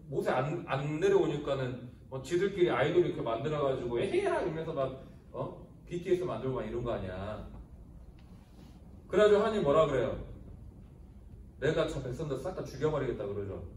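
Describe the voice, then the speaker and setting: A man's voice: on the high side, a little hiss or hum. A man in his thirties, a youth pastor, giving a casual sermon to teenagers and quizzing them as he tells the story. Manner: animated storytelling, asks the audience questions. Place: church hall. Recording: echoey room from a distance.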